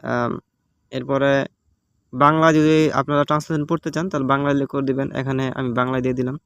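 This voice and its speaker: A man's voice: medium pitch, little pitch movement, fairly quick, no room sound. A man with a Bangladeshi Bengali accent giving a casual step-by-step app tutorial, patient and repetitive, with many fillers. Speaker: tutorial host. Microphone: phone recording.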